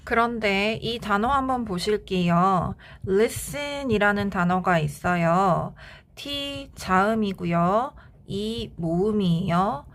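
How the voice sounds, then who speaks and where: Female English tutor, slow and patient, step-by-step explainer, mid-pitched. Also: animated. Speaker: English grammar teacher. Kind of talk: scripted grammar lesson.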